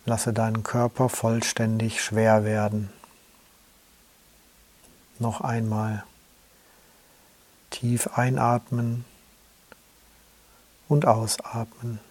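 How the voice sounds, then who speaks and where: A man slowly guiding a yoga nidra relaxation in a calm, soothing way. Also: on the low side. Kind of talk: guided relaxation instructions.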